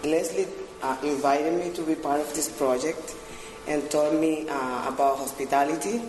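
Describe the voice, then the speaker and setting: A woman's voice: deep voice, fairly even intonation, moderate pace. A woman from Cuba, a dance instructor, introducing herself with slightly phrasing. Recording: distant mic in echoey hall, noisy.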